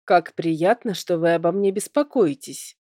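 A woman's voice: on the low side, measured pace, mellow, no echo, studio quality, lightly acted. A woman reading an audiobook, voicing a kind, clingy young prince who fusses and coos. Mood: cooing. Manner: fussy, cooing.

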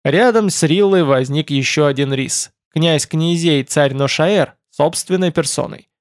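A man reading a fantasy novel aloud in an even, measured narration. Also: on the high side, dry recording, clean studio sound. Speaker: audiobook narrator.

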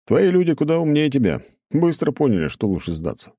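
A man's voice: a little high, very animated, brisk, warm tone, no room sound, studio quality, pitched above the performer's own voice. A man voicing a cocky young man who mocks bluntly. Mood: mocking. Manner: blunt, mocking.

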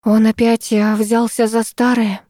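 A woman reading the part of a tired middle-aged mother who sounds cracked and blunt. The tone is mellow and dark, and the sound is dry and close. She states things without fuss, as in a storybook. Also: fairly high pitch, unhurried, no echo, pitched above the performer's own voice, close to an everyday voice. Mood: weary. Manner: flat, cracked, matter-of-fact.

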